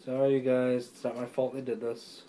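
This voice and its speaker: Young man, excitable rambling unboxing chat, middle pitch, faint background hiss. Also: moderate pace, rough recording. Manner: rambling, excitable, filler-heavy. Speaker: YouTuber reviewing discs.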